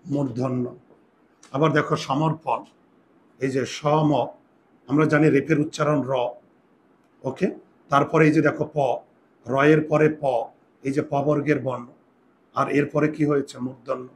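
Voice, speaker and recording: A man's voice: fairly high pitch, little pitch movement, measured pace, pauses often, slight background noise. A man teaching a Bengali grammar lesson, patiently repeating key points and asking and answering his own questions.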